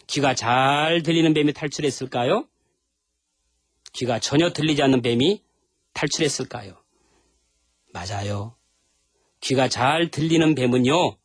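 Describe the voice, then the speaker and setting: A man's voice: medium pitch, no room sound, studio quality. A man preaching a sermon, telling stories and acting out the voices in them. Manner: animated, acts out voices in stories. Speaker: pastor. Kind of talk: sermon with storytelling.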